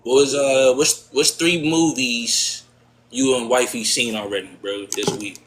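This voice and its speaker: A man's voice: medium pitch, steady tone, a bit bright, rough recording. Laid-back man co-hosting a podcast. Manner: laid-back slangy banter, drawn-out words. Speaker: podcast co-host. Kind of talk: casual podcast chat.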